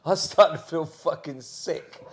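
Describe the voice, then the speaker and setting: A man's voice: on the high side, unhurried. Sweary man telling a rambling story. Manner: sweary, rambling storyteller who acts out quotes. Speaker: podcast co-host. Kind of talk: casual chat.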